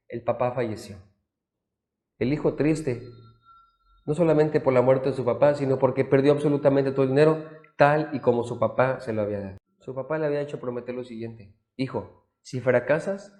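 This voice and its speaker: A man, a pastor preaching a sermon with emphatic storytelling that drops to quiet, soft tones. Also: medium pitch, brisk. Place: church, streamed live.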